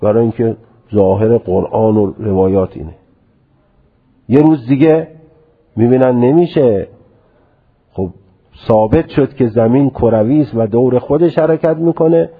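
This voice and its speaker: A man gives a religious lecture at a middle pitch, working through his reasoning step by step. He stresses his points and often says them twice. The sound comes through thin and tinny, like an old radio broadcast. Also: expressive, pauses often, slightly rough.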